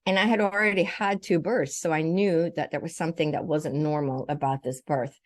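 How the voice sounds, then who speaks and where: Appearing as a guest in an interview, an older naturopathic doctor and spiritual teacher raised in Sweden recounts a personal experience step by step, vividly acting out what people said. Her slightly low voice is brisk with fairly even intonation, and the sound is dry with no room echo.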